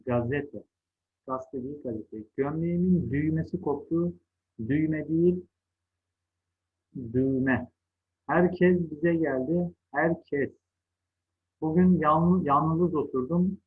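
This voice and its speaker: A man's voice: on the high side, husky, phone-quality sound. A middle-aged man teaching a second-grade spelling lesson, patiently contrasting wrong and right word forms. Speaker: primary school teacher.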